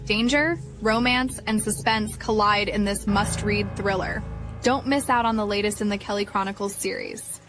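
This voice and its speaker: A woman giving an upbeat social media pitch for a thriller novel. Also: normal speed, music in the background. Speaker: book promo voice. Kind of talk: social media book promo.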